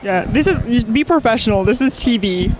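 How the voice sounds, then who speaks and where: A woman's voice: on the high side, expressive, brisk, background noise, close to an everyday voice. A woman voicing a perky female TV news reporter, talking in a chirpy, mock-professional way. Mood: bossy.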